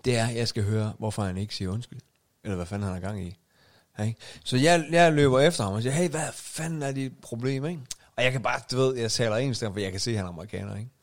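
A man co-hosting a podcast, telling a long story in casual chat with lots of fillers and restarts. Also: on the low side. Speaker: podcast co-host.

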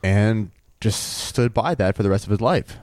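A man co-hosting a casual podcast, telling a story in a relaxed way and thinking aloud. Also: lowish voice, normal speed, dry recording.

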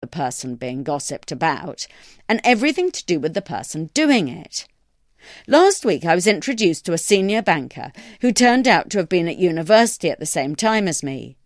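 A woman reading her own essay aloud in a wry, measured way. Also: on the low side, very animated, no echo, studio quality. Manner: wry, measured delivery with acted quotes. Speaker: columnist reading her column.

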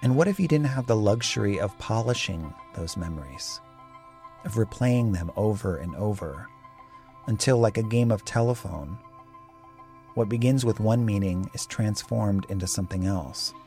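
Low-voiced man narrating reflectively over music. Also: expressive, a little mellow. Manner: reflective, measured storytelling. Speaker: podcast host. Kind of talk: scripted narration.

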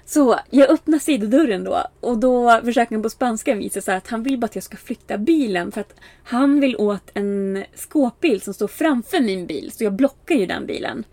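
A young woman recounts a story in a casual, chatty flow, peppered with fillers and self-mocking laughs. Her voice sits a little high, and the recording is close and dry. She acts out quoted exchanges, lifting her voice for each line. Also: no echo. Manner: animated, acts out quoted exchanges with bright raised voice; frequent filler "bara" and "liksom", laughs at herself.

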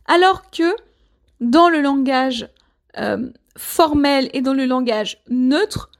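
A woman from France teaching a language lesson, patient and explanatory, often checking in with the learners. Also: sits high. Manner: patient, repeats words, checks with "ok?". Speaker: French teacher.

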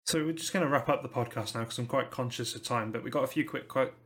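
A man's voice: mid-range voice, quick pace, fairly bright tone. A young man hosting a football podcast, politely reading out prepared questions and wrapping up the show. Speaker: podcast host. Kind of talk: casual podcast interview.

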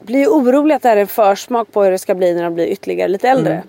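A woman's voice: medium pitch, expressive, dark tone, no echo. A woman in casual conversation, asking curious questions and relating to her own family. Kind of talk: casual chat.

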